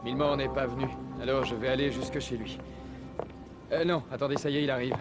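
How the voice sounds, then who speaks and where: A man's voice: medium pitch, steady tone, a little fast, over loud music. An actor playing a young male detective constable, reporting in over a police radio in clipped, formal procedure, in a dubbed TV crime drama. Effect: speaking over a police radio.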